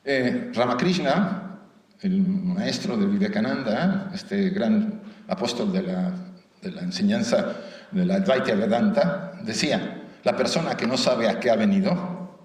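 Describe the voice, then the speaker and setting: A man's voice: fairly low pitch, measured pace, a little mellow. A middle-aged man with a Mexican accent giving a conference talk, chatty, putting questions to the audience and joking. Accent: Mexican Spanish. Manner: conversational, asks the audience questions, jokes. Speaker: lecturer. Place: lecture hall. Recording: echoey hall, voice from far off.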